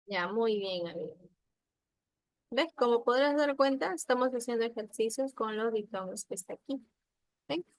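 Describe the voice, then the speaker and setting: A woman teaching a primary school spelling lesson online, patient and slow, often checking that the students follow and sounding out words syllable by syllable. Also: fairly high pitch, no room sound. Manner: slow, patient, checks understanding with frequent questions. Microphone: computer mic on a video call.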